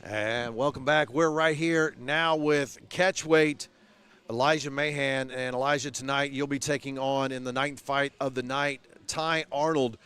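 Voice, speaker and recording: A man with a clear, smooth voice at a middle pitch conducts a pre-fight sports interview. His questions come out long and halting, padded with frequent uhs. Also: steady tone, fairly bright tone. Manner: hesitant, wordy phrasing with frequent uhs.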